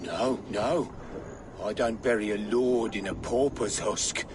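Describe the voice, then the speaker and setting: A simple-minded gravedigger in a game, grieving and childlike. His low voice moves slowly and repeats itself, with clear noise behind it. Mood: mournful. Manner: childlike, repetitive speech. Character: simple-minded, sorrowful gravedigger who mourns his friend. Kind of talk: video game character acting.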